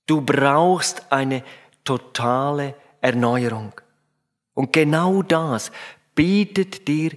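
A man preaching a sermon, emphatic and speaking straight to his listeners. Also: medium pitch. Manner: emphatic, addresses listeners directly.

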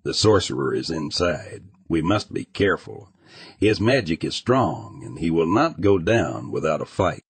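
A man's voice: low voice, very animated, a little slow, slightly rough, dry recording, exaggerated voice. A man voicing a stern, proud old male dragon in an audiobook, speaking in a firm, growling manner. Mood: cautious.

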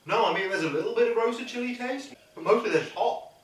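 A man hosting a casual tasting review, describing the food in a steady, matter-of-fact way. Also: sits high, fast talker. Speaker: host, hot food reviewer. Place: indoor room. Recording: echoey room, distant mic, faint noise.

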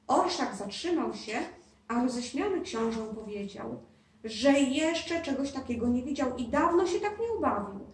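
Woman reading a children's story, roomy. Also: on the high side. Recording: roomy, distant mic.

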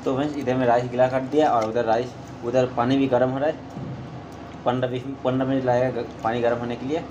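A man talks his viewers through a home recipe in a relaxed, chatty way, explaining each step as he goes. His voice sits at an ordinary pitch. The kitchen recording carries clear background noise, with traffic audible from outside. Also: fast, highs cut off. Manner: chatty, step-by-step, keeps saying "friends". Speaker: cooking vlogger. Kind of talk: casual cooking narration.

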